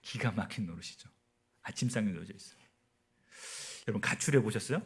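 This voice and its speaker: A man's voice: on the low side, lively intonation, quick pace, gravelly, breathy edge. A man in his forties, a missionary telling a personal story in a sermon and often asking the audience questions. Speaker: missionary preacher. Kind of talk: sermon at a prayer meeting.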